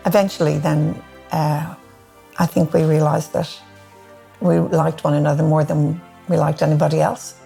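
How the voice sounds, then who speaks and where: A middle-aged woman from Ireland with an Irish accent, recalling her life gently and with some hesitation in a testimony interview. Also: low-pitched, little pitch movement, normal speed, vocal fry, soft background music. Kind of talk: personal testimony.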